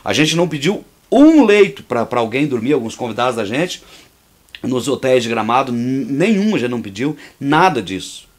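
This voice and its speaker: Speaking at a moderate pace in a medium-pitched, very animated voice, this man is a filmmaker and actor offering opinionated making-of commentary on his film. He talks loosely, often repeating words and starting over.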